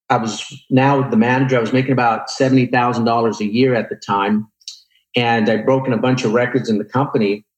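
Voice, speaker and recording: A man in his forties speaking as an interview guest, telling motivational personal stories in an earnest, emphatic, instructive way. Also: mid-range voice. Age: 40s. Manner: earnest, emphatic, instructive, with rhetorical check-ins. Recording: roomy, echoing sound.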